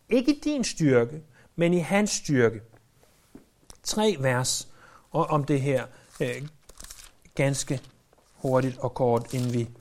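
A man preaching a sermon in an earnest, emphatic way, repeating key phrases for weight. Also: fairly high pitch.

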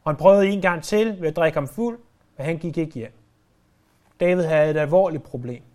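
A man preaching a sermon who retells a story vividly and slows down to stress key words. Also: a little high, a little mellow.

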